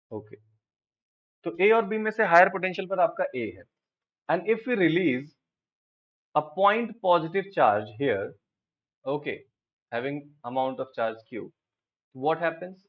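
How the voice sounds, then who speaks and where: A man with an Indian accent teaching physics, explaining step by step and asking his students quick check questions. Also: fairly high pitch, dull audio. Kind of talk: classroom lecture, Hindi-English mix.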